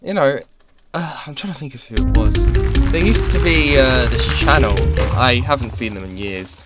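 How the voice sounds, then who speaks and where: A man's voice: mid-range voice, animated, moderate pace. Rambling gamer man over game music. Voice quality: chatty, rambling, self-mocking, with many restarts. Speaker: gaming YouTuber. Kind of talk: casual gameplay commentary. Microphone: headset. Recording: game music playing behind.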